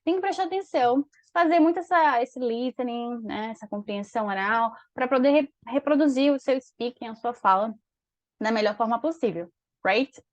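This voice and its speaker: A woman from Brazil teaching an online English lesson, explaining in Portuguese and reading English dialogue lines slowly and clearly. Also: on the high side, dry recording. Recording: dull, dry lo-fi sound.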